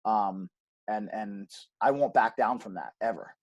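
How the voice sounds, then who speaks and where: A man's voice: lowish voice, unhurried, dry recording, lo-fi sound. A man speaking earnestly as a podcast guest, emphatic, with frequent restarts and ums. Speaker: podcast guest, gym co-owner. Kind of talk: conversational interview.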